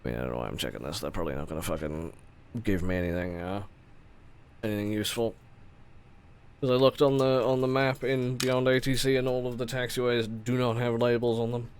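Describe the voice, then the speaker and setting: A man's voice: medium pitch, steady tone, a little fast, smooth. A man streaming a flight simulator with casual commentary, muttering to himself and swearing freely. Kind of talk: casual livestream gameplay commentary.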